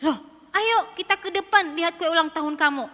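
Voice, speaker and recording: A woman's voice: extremely high pitch, fairly quick, sharp tone, big-room sound. A woman voicing a firm, caring mother who questions her children patiently.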